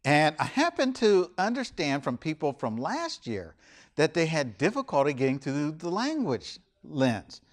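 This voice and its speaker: A man's voice: fairly high pitch, unhurried. A man giving a folksy, conversational workshop talk in a lecture room, acting out what people said. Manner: folksy, animated, acts out quoted remarks. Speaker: workshop presenter.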